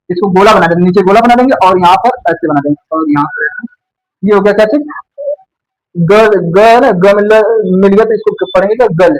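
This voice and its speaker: A man teaching how to write a script, explaining step by step and often pausing to check that the learner follows. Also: high-pitched, poor audio. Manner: explains slowly, repeats words, checks in with "ठीक है ना".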